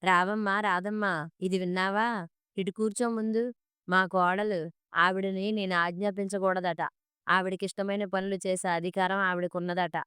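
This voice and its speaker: A woman voicing a sharp-tongued middle-aged mother-in-law who complains and scolds in a storybook monologue. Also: mid-range voice, steady tone, moderate pace, smooth, no echo, clean studio sound, close to an everyday voice. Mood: grumbling.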